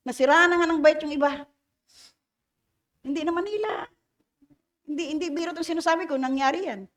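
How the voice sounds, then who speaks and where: A woman's voice: high-pitched, brisk. A middle-aged woman pastor with a Filipino accent, preaching a Sunday sermon in a playful, teasing way and often quizzing her congregation. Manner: mixes English phrases into Filipino preaching, asks the congregation questions; playful teasing, laughs between points.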